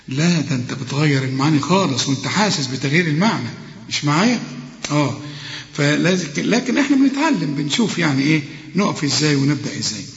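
A man with an Egyptian accent teaching Quran recitation rules, switching between slow chanted verses and quick spoken explanations, putting questions to his student. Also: fairly high pitch. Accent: Egyptian Arabic. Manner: addresses the student directly with questions. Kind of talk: tajweed lesson with recitation and explanation. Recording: echoey dull lo-fi tape recording.

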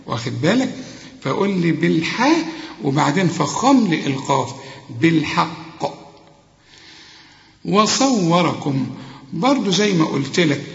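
A man with an Egyptian accent teaching tajweed, who patiently slows down to model each word for a learner. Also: on the high side, creaky. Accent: Egyptian Arabic. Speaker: Quran recitation teacher. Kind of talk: tajweed lesson. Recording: echoey reverberant room, dull lo-fi sound.

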